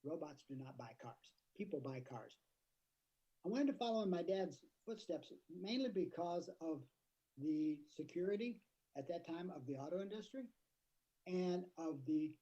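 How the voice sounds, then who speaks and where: A man's voice: fairly high pitch, dark tone, dull audio. A man in his fifties, a retired auto worker, speaking earnestly and plainly in a video testimony.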